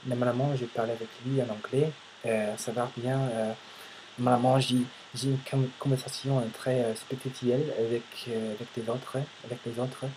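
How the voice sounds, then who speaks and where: An American man speaks with an American accent, pausing often to search for words in a halting, unscripted monologue. His voice stays flat and level throughout, with little rise or fall. The home computer-mic recording has clear background noise under it. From United States. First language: English. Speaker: language learner vlogger. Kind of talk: casual spoken practice monologue. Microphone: computer microphone. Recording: noisy low-quality home recording.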